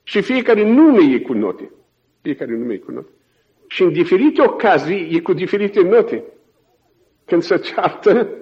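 A man preaching a sermon, telling stories in an animated way and often chuckling. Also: fairly high pitch, muffled recording.

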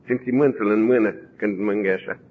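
Calm devout young woman prisoner, voiced softly by a male preacher; tinny broadcast line. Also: lightly acted. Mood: tender. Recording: tinny phone-like broadcast, faint rumble.

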